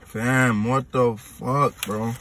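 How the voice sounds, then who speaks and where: A man's voice: medium pitch, fairly even intonation, extremely slow, fairly bright tone. A young man chatting casually in heavy slang and swearing freely. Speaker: food challenge participant. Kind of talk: casual chat. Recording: distant mic, noisy vehicle ambience.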